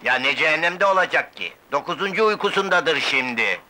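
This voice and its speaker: A scheming, quarrelsome father, bright and sharp. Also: on the high side, animated, fairly quick. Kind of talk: 1960s film acting.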